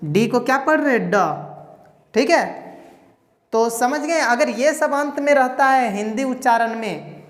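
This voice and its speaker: A woman with a fairly high voice teaches English pronunciation, walking through each rule step by step and answering her own questions as she goes. Her voice rings out in a room with a long, echoing reverb. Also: measured pace. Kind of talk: pronunciation lesson.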